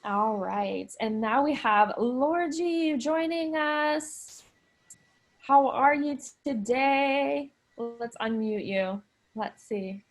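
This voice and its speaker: Speaking extremely slowly in a high voice, a woman moderates an alumni panel on a video call. She introduces guests with enthusiasm and encouragement, keeping the online hosting upbeat.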